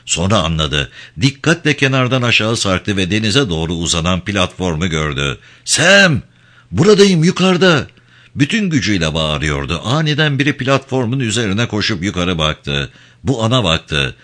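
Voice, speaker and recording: A man reading a thriller novel aloud as an expressive audiobook narrator. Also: deep voice, moderate pace. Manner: expressive, dramatic.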